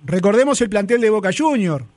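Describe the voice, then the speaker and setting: Argentine male radio pundit, high-pitched, emphatic and preachy, dry studio sound. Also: lively intonation, fairly quick, a little mellow, dry recording. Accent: Argentine Spanish. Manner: emphatic, repeats his points, lecturing. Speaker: sports radio commentator. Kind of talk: heated studio debate.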